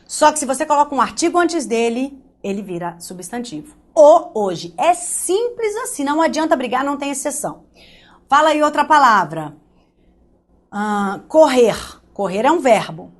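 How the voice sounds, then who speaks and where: A woman from Brazil teaching an online grammar lesson, lively and joking, speaking straight to the student. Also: high voice, moderate pace.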